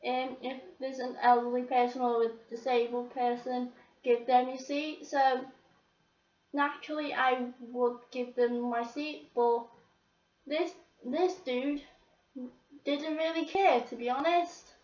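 A woman's voice: high-pitched, steady tone, slow, a little mellow, distant mic. A teenage girl, swearing and complaining as she rants to the camera. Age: teens. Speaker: vlogger. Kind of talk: ranting to camera. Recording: roomy, off-mic, dull lo-fi sound.

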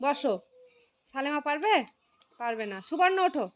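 A woman teaching a primary school class. She calls on pupils by name, repeats key phrases slowly and praises their answers. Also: high voice, very animated, lo-fi sound, a little hiss or hum. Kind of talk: classroom lesson.

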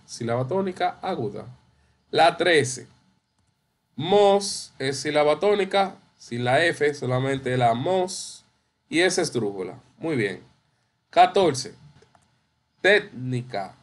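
A man teaching a spelling class, drawing out syllables slowly and repeating words to stress them. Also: on the high side, a bit bright. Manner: slow, drawn-out syllables, repeats words for emphasis. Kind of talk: online class correcting exercises.

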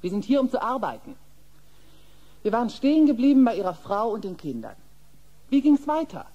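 An actress playing a bossy, scornful, experienced nurse, condescending and commanding, in a German horror radio play. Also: female voice, on the high side, sing-song, brisk, dull audio. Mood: scornful, threatening.

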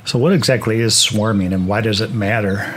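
A man explaining swarming while working his beehives in a grassy yard, in a relaxed manner with frequent restarts. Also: fairly low pitch, brisk, slight background noise. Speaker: beekeeper, channel host. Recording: outdoor recording with insect buzz behind.

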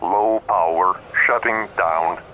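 A synthetic male phone voice powering down, low-pitched. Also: slow, slight background noise, full character voice, poor audio. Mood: shutting down. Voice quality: flat synthetic text-to-speech delivery. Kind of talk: played video clip.

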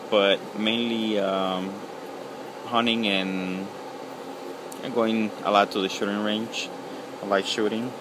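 Sitting outside next to a house, a Salvadoran man in his 30s who smokes a pipe and blogs on video gives a casual reply into a nearby webcam. His voice is low and slow, broken by frequent pauses full of ums and uhs, with air conditioner hum and outdoor sounds plainly heard behind him.

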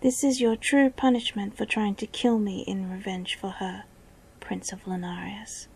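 A woman's voice: mid-range voice, measured pace, vocal fry, a little hiss or hum. Woman voicing a cold, entranced princess. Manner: monotone.

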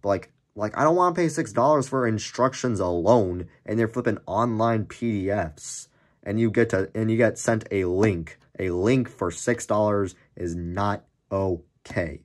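A young man presents his Lego build for his YouTube channel, a casual show-and-tell recorded indoors at a table in a small room by a camera aimed at his hands over the desk. He speaks a little slowly in a deep, cracked, slightly hoarse voice. He rambles, with lots of fillers and restarts.

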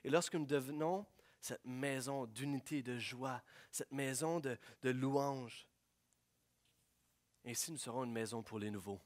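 A man preaching a sermon, swinging from hushed prayerful lines to loud, excited storytelling. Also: mid-range voice, a little slow. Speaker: pastor.

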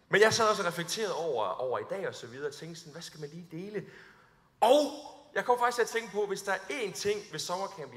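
A young man preaching to an audience in a big hall, his voice high and bright, with a long echo trailing after each phrase. He tells funny stories about himself and acts out his awkward moments before turning earnest. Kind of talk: sermon with humorous stories.

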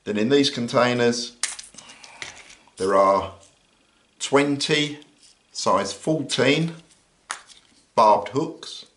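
An older, easygoing British man explains a survival kit piece by piece in a casual show-and-tell, pausing frequently with "uh." His medium-pitched voice has a roomy sound with slight background noise, recorded indoors at a table by an overhead camera on his hands, speaker off frame.

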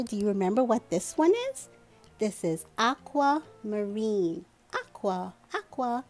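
A woman hosting a children's learning video, her voice high and bouncing all over the place. She speaks very slowly and drags out every word, gushing in a sing-song way for little ones. Faint kids' music plays behind her. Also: darkish tone. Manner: slow, exaggerated, sing-song and gushing, like talking to toddlers. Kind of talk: toddler learning lesson with a puppet.

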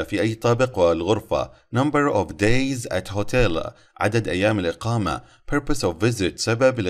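A man teaching English in a recorded lesson, reading English phrases slowly and then explaining them quickly in Arabic. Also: deep voice.

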